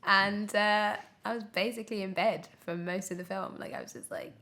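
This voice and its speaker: A British woman in her twenties, a young actor, gives a casual podcast interview in a medium-pitched, steady, sharp voice at a moderate pace. She speaks emphatically and often breaks off to restart her thought.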